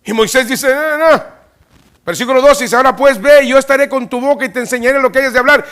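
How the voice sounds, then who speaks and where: A pastor preaching a sermon in a church, animatedly acting out Bible dialogue with loud rising peaks. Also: male voice, extremely high pitch, fairly even intonation, fast talker.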